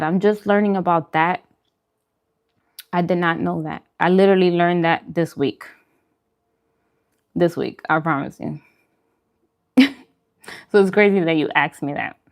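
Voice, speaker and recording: A food and vlog channel host with a fairly low voice speaks a little slowly, leaving long pauses. In a casual eating-show chat answering viewer questions, she stays informal and conversational, often repeating phrases for emphasis.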